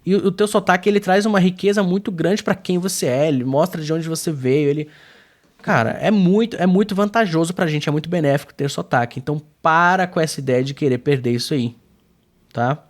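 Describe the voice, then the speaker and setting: A man from Brazil teaching a casual video lesson, informal and slangy, with emphatic, swinging delivery and lots of filler tags. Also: a little fast. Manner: emphatic, lively pitch swings. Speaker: English teacher.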